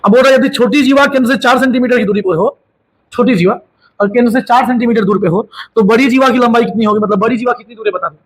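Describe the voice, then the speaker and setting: A male maths teacher with an extremely high-pitched, quick and slightly rough voice gives a casual classroom explanation on a low-quality recording. He explains the lesson in a colloquial, teasing way, often answering his own questions as though a student had asked them.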